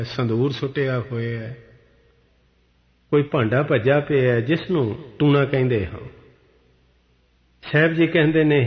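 A male preacher gives a sermon in a slow, unhurried, measured cadence, stretching verses out as he explains them. His voice has a mid pitch, and the recording is dull with a long hall reverb. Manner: slow, measured scripture exposition. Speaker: Sikh preacher.

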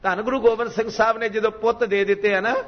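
A man's voice: high-pitched, flat delivery, fast talker, in a large hall, lo-fi sound. A man with a Punjabi accent giving a Sikh sermon, chanting scripture and calling on the congregation to repeat lines after him. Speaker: Sikh preacher giving katha.

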